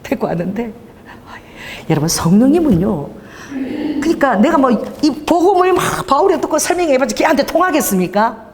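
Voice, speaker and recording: A woman's voice: high voice, a little fast, crowd noise. A middle-aged woman pastor preaching a sermon, telling stories with laughter and acting out dialogue. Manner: animated, laughing, acts out dialogue. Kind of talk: sermon with storytelling. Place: church sanctuary. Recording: long hall reverb.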